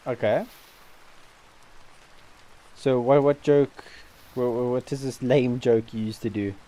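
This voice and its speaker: A man's voice: medium pitch, fairly even intonation, takes it slowly, dark tone. A man chatting casually and joking with friends while playing a game, rambling with lots of fillers. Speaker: gaming channel host. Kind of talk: casual gameplay chat with friends.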